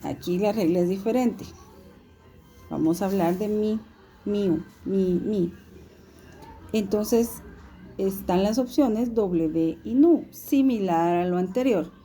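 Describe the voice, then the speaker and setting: A woman's voice: mid-range voice, takes it slowly, pauses often, mellow, soft background music. A woman teaching a recorded video lesson, explaining patiently and asking her students questions.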